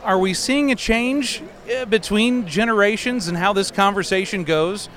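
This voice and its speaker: A man's voice: high-pitched, moderate pace, fairly bright tone. A man, a farm radio reporter chatting casually with a guest in a busy convention expo hall. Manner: chatty, self-deprecating. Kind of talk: casual interview.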